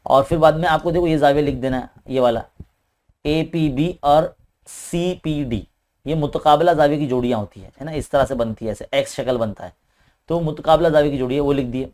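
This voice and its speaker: A man's voice: on the high side, darkish tone, a little hiss or hum. A man with an Indian Urdu-speaking accent, a maths teacher working through an exam paper step by step and often adding a questioning "hai na". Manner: talks quickly. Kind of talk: paper-solving lesson.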